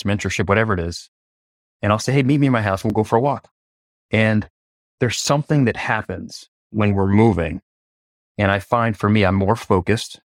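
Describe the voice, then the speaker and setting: A middle-aged man from Atlanta, a coach giving an interview, who tells stories in an animated way and acts out the quoted dialogue. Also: lowish voice, dry recording, clean studio sound. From Atlanta, USA. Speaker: coach and facilitator, interview guest. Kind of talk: conversational interview storytelling.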